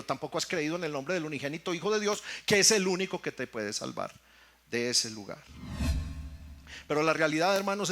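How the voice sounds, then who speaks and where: Bright-voiced Mexican preacher. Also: male voice, fairly high pitch. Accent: Mexican Spanish. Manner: preaching with emphatic repetitions, addressing the congregation as brothers. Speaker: pastor. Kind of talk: sermon.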